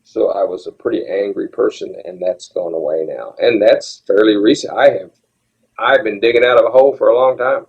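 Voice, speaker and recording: A man's voice: fairly low pitch, brisk, gravelly, slightly rough. Earnest older man in his seventies. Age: 70s. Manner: earnest, reflective, frequent restarts. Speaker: guest. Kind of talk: candid interview talk. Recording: dull lo-fi audio.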